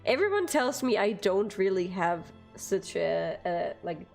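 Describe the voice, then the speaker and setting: Unhurried, giggly streamer woman from Denmark. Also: medium pitch, very animated, gravelly, a little mellow, faint music behind. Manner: chatty, giggly, swears casually. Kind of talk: casual livestream chat.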